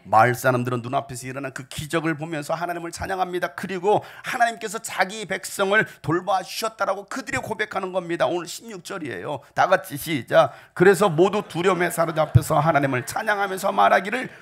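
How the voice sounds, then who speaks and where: A man preaching a Sunday sermon as pastor, moving from hushed asides to loud shouts. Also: fast talker, few pauses. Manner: dynamic preaching, swinging between hushed whispers and loud shouts; gravelly voice with lively pitch. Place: church sanctuary.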